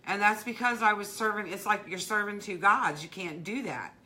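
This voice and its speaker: A woman's voice: mid-range voice, moderate pace, sharp tone. A middle-aged woman hosting a craft livestream, talking in a heartfelt, rambling way with many fillers and restarts. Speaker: craft business owner, livestream host. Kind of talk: casual live-stream chat.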